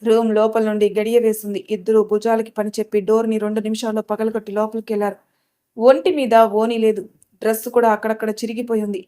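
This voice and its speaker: A woman narrating a scripted love story with an expressive, dramatic reading. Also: fairly high pitch, fast talker.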